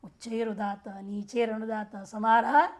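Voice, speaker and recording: Woman grammar teacher, high voice, patient step-by-step lecturing, rhetorical questions to the class. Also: fairly even intonation, slow, darkish tone. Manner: explains step by step, asks rhetorical check questions. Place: ashram teaching room.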